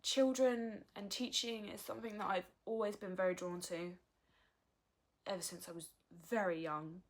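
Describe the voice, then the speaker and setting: A woman's voice: medium pitch, fairly even intonation, normal speed. A woman, talking frankly and earnestly in a personal vlog. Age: early 20s. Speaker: vlogger. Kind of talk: candid personal vlog talk.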